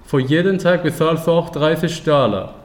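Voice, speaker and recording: A nineteen-year-old man from Afghanistan, not a native German speaker, telling his own story at a talk in halting German with many fillers and restarts. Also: fairly high pitch. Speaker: guest speaker. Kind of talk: personal account at a talk.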